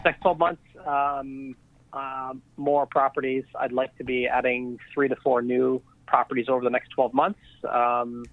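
This podcast interviewee, a man who invests in real estate, talks loosely over the phone, stumbling through many fillers and restarts. The line sounds tinny, his voice is mid-range, and no room sound comes through.

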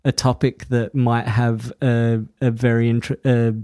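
A man's voice: mid-range voice, little pitch movement, a little slow, darkish tone, clear, resonant tone, dry recording, studio quality. A man hosting a casual chat, hesitant and filler-heavy as he sums up his guest's points.

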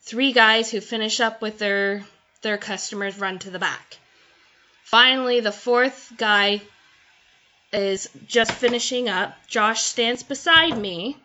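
A woman chatting casually, telling an animated story and quoting people as she goes. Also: fairly high pitch, slow pace. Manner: animated storytelling with quoted voices. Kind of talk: casual chat. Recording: dull lo-fi sound.

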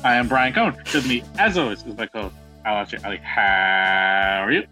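A man's voice: fairly low pitch, moderate pace, soft background music, low-quality recording. A man co-hosting a casual podcast, talking in a loose, rambling way with plenty of fillers. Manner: animated, rambling with many fillers. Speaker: podcast co-host.

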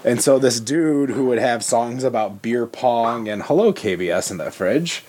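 A man chatting as a guest about brewing and podcasts, rambling with many pauses and fillers. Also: mid-range voice, expressive, a little mellow. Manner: rambling, many ums and restarts. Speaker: homebrewer guest. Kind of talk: casual podcast chat.

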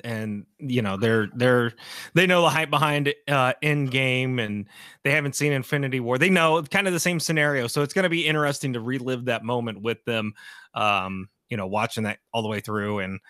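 A man's voice: mid-range voice, bright, forceful tone, smooth, dry recording, studio quality. A man co-hosting a podcast, chatting casually and thinking aloud with plenty of fillers. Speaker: podcast co-host.

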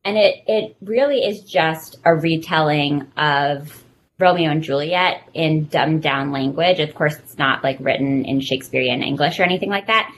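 A woman in her thirties hosts a casual podcast chat, telling nostalgic stories in a slightly low voice. A faint hiss of noise sits behind her. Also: normal speed, a bit bright, poor audio. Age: 30s. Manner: chatty, nostalgic storytelling. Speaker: podcast host.

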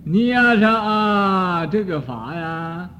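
An older man, a Buddhist teacher, lecturing slowly on a sutra commentary, with frequent "ah" fillers and sudden swings between soft and loud. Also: sits high, expressive, a little hiss or hum. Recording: dull archival recording in a reverberant hall.

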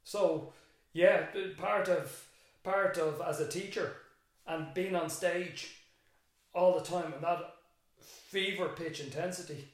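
This Irish man, a secondary school teacher and interview guest, has a fairly high, steady voice and speaks slowly. He rambles reflectively as he thinks aloud, frequently restarting. The room sounds very echoey.

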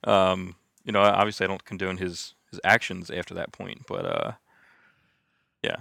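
A man co-hosting a casual gaming podcast, laid-back and drawn-out in his speech. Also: deep voice, very animated, vocal fry, bright, forceful tone, dry recording, studio quality. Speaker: podcast co-host.

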